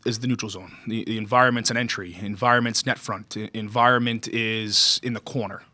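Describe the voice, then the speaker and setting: Bright, forceful low-voiced man explaining earnestly. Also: steady tone, fairly quick, no echo. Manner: earnest, emphatic, often checks in with "right?". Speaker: hockey skills development coach. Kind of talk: press conference answers.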